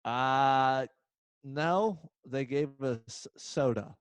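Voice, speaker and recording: Male host, mid-pitched voice, sardonic and profane, casual video-call chat with a dry sound. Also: very slow, clear, resonant tone, no echo. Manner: sarcastic, swears a lot. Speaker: podcast host.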